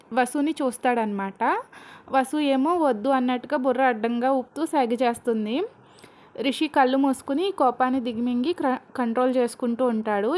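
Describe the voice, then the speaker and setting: A woman's voice: sits high, darkish tone. A young woman retelling a serial story in a chatty, casual way, addressing listeners with asides and jokes.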